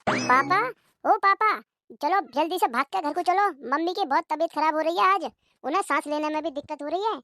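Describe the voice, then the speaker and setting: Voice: sits high, brisk, sharp tone, no echo, studio quality. A performer voicing a young son who nags his father. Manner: nagging and reproachful.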